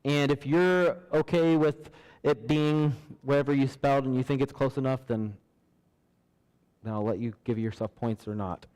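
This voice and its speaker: A man hosting a church trivia night, reading questions slowly, counting down and laughing at himself. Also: mid-range voice, steady tone, darkish tone, clear, resonant tone. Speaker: trivia host. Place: church hall. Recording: large hall with long reverb.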